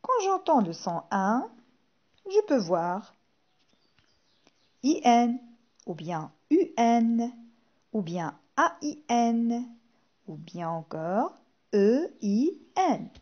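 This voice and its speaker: A woman leads a phonics lesson for small children, spacing out each word and saying it twice. Her voice sits a little high and moves a lot in pitch, and her pace is very slow. The recording sounds dull and lo-fi. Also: big pitch swings. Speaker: primary school teacher.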